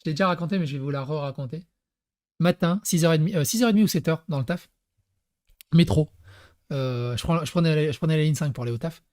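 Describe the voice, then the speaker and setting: Slightly high and darkish in tone, this young Parisian YouTuber talks at a quick clip in a dry studio recording. His casual on-camera anecdotes ramble along with plenty of fillers and restarts, and he laughs at what he's telling.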